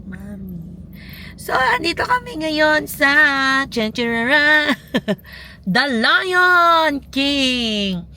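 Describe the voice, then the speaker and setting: Isang babaeng vlogger na paos ang boses dahil sa sipon, may Filipino accent, madaldal na nakikipagkwentuhan sa mga manonood habang naghahalo ng Tagalog at English. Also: female voice, high-pitched, big pitch swings, drawn-out words, pushed and bright. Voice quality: husky. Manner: chatty, switching between Tagalog and English, addressing viewers as moms. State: hoarse from a cold. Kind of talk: casual vlog chat. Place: outdoors and in a car around town. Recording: noisy outdoor phone vlog with traffic.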